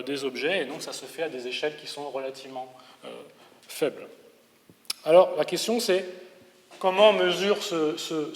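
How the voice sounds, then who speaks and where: A man in his forties from the Paris region, speaking with a metropolitan French accent and a voice on the high side, gives a public lecture as an engineering professor. He explains and rephrases with some hesitation, and slight background noise mixes with the long reverb of the large, echoey hall.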